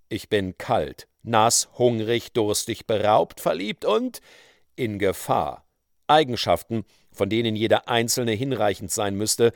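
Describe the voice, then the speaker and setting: A suave male outlaw speaks low and unhurried, calm and quietly threatening, as a man puts him on. The sound is dry and close. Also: vocal fry, dry recording. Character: smooth menacing male outlaw, coolly persuasive.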